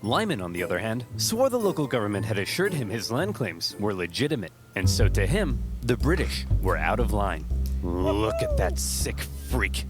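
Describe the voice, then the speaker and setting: A man narrating a scripted comic history in an animated storytelling way. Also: lowish voice, fairly quick, music in the background. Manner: animated storytelling with acted-out quotes.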